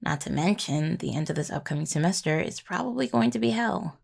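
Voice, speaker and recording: Here the young adult woman, as the anxious and sweet necromancer healing student in intimate roleplay audio, sounds stressed and is venting. Her gravelly, creaky voice sits fairly low and a little mellow, exaggerated and animated, moving a little fast with hesitant, rambling, casual phrasing.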